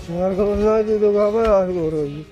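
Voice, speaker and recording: Old drunkard dad for village comedy, male actor, Bhojpuri-accented, strikingly high voice, blunt, music underneath. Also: normal speed, highs cut off, lightly acted. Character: old tippling father, blunt and muddled. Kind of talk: rural comedy sketch acting.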